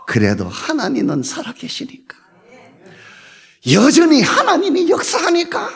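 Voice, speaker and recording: A man preaching a comic sermon in a church, laughing, shouting commands and playfully cursing. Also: very high voice, huge pitch swings, a little slow, gravelly. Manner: boisterous, swings from whispers to shouted commands, mock-cursing, laughing. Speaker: guest preacher. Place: church sanctuary.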